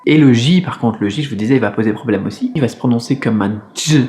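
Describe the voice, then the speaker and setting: A man teaching a beginners' Mandarin lesson in French, patient and clear, repeating each sound slowly. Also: medium pitch, a little mellow, slight background noise. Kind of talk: video lesson.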